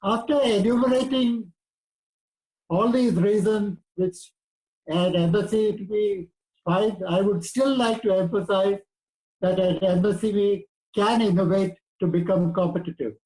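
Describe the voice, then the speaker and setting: A man in his eighties with an Indian English accent, giving a measured, lecturing prepared talk. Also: high voice, dark tone, low-quality recording. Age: 80s. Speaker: guest speaker.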